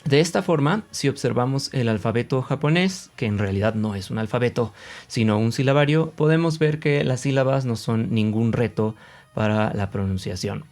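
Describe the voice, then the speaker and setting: A man with a central Mexican accent teaches in a relaxed, conversational way, filling pauses with little sounds. His voice sits at an ordinary middle pitch. He keeps stopping to sound out examples aloud. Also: faint music behind. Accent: Mexican Spanish. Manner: conversational, many fillers, demonstrates sounds aloud. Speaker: Japanese teacher. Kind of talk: casual explanatory video lesson.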